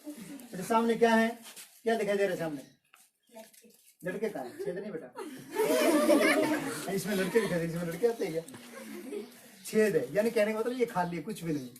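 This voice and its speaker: A man performs as a kids party magician, keeping up playful, teasing patter full of questions for the children. He is heard at a distance from the microphone, with clear noise over the recording. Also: sits high, brisk, pauses often. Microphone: far from the mouth. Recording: distant mic, noisy with clicks and birds.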